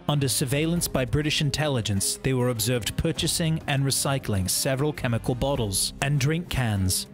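A man reading a scripted explainer narration in a brisk, even manner. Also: medium pitch. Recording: faint music bed behind voice.

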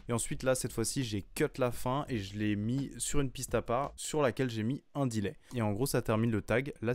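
A young man hosting a casual beatmaking tutorial from a home studio, relaxed, slangy and matter-of-fact. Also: medium pitch. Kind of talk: casual screen-recorded music tutorial.

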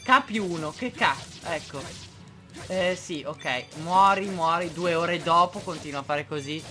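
A man giving excitable, joking commentary over a video game, reading subtitles aloud and exclaiming often. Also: a little high, measured pace, music in the background. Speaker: gameplay commentator. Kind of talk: casual let's-play commentary.

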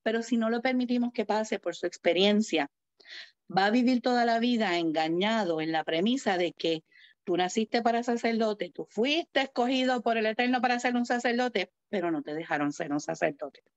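A woman's voice: mid-range voice, moderate pace, no echo, dull audio. Spanish-speaking woman preaching a sermon. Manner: animated storytelling, acting out quoted voices.

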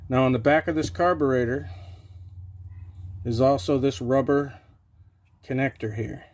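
A man's voice: mid-range voice, steady tone, unhurried, background noise. A middle-aged man casually talking through a repair step by step at his workshop bench, in a plain and practical way with frequent "okay"s. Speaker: small-engine repair host. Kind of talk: casual how-to narration while working. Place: home workshop bench, open to the outdoors.

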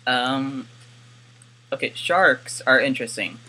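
A man's voice: mid-range voice, takes it slowly, pushed and bright. Wry rambling gamer guy. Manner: rambling, self-correcting, wry asides. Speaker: gaming YouTuber. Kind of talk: casual gameplay commentary.

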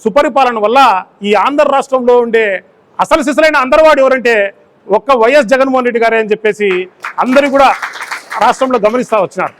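A man's voice: extremely high pitch, quick pace, long pauses. A man, a local party in-charge, giving a political press statement full of repeated rhetorical questions.

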